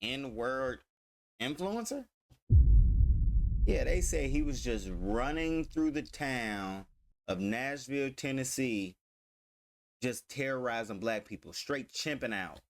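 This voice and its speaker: A man's voice at an ordinary middle pitch, hosting a reaction video. He talks loosely and chattily, full of slang, as he comments on what he watches. He sounds close to the mic. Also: slow pace.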